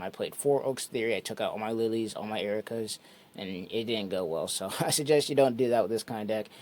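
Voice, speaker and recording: Laid-back man explaining a card deck. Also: fairly low pitch. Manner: relaxed, repetitive, explaining step by step. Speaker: card game channel host. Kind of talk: casual deck walkthrough.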